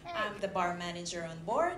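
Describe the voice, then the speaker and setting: A woman's voice: lowish voice, sing-song, moderate pace. A woman from the Philippines with a Filipino accent, giving a short welcome speech as a bar manager. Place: theatre stage on a cruise ship. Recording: echoey theatre, loud crowd and noise.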